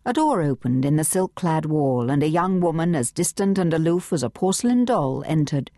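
Low expressive lady reading an audiobook, dry studio sound. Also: no room sound. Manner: measured, expressive storytelling. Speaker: audiobook narrator. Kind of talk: scripted narration. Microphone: close studio mic.

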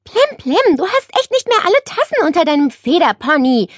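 A woman voicing a spirited young girl in an audiobook, talking in a loud, exasperated way. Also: very high voice, very animated, normal speed, no room sound, clean studio sound, pitched above the performer's own voice. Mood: scolding. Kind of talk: audiobook character voice.

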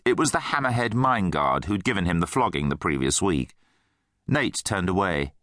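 A man narrating a children's fantasy audiobook in an expressive, animated storytelling manner. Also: low voice, moderate pace, no room sound, clean studio sound.

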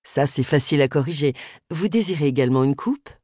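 A woman voicing a confident, flattering male hairdresser in an audiobook, in a lowered, self-assured voice. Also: a little fast, no room sound, studio quality. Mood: smooth.

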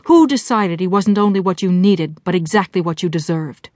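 A woman's voice: fairly low pitch, normal speed, darkish tone, dry recording, studio quality, lightly acted. A woman voicing a furious, blunt inner voice. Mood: scornful. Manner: furious, disgusted, hectoring. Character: angry blunt inner voice of an old woman friend.

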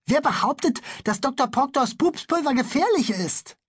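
A man voicing a plucky, cheeky small boy who shouts indignantly in a children's audiobook. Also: very high voice, expressive, moderate pace, dry recording, pitched above the performer's own voice.

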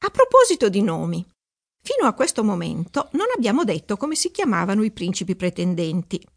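Lively, expressive woman storyteller. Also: mid-range voice, fairly quick, creaky. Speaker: author reading her own book. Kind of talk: children's audiobook narration.

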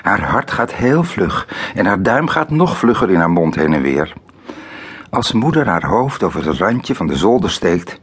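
A deep, husky male voice reads a children's story aloud. He takes his time and moves his pitch up and down a great deal, dropping to a whisper at tense moments. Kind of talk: children's audiobook narration.

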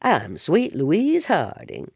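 A woman's voice: low-pitched, huge pitch swings, slow, gravelly, darkish tone, slightly rough, dry recording, clean studio sound, full character voice. A sultry teasing fifties woman, as a female narrator puts her on.

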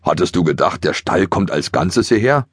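A man voicing a gruff, teasing pony friend who mumbles his remarks. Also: sits low, animated, normal speed, no room sound, studio quality.

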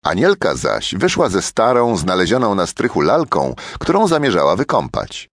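A man's voice: low-pitched, wildly swooping pitch, moderate pace, no echo, studio quality. A man narrating a children's audiobook as a storyteller who talks straight to his young listeners.

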